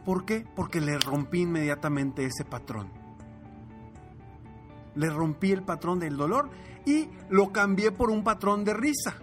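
Guy coaching on a podcast, super animated, jumps up and down in pitch, music running under him. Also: a little slow. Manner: animated, acts out his children's voices. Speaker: podcast host and business coach. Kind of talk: motivational talk.

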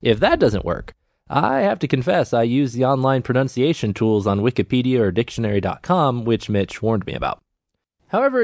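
Lively, expressive male science podcast host. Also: mid-range voice, no room sound, clean studio sound. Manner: explains calmly and clearly.

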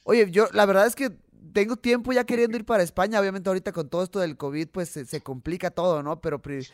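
A man's voice: sits high, fairly even intonation, fast talker, dry recording, studio quality. A young Mexican man with a Mexican accent, hosting a podcast interview in a friendly, chatty way. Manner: friendly, chatty, frequent fillers. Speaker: podcast host and fighter. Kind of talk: casual interview chat.

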